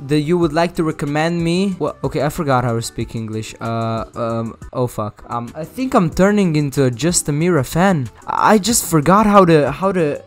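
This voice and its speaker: A young man hosting casual comedic commentary, joking crudely and rambling. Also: on the high side. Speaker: commentary YouTuber.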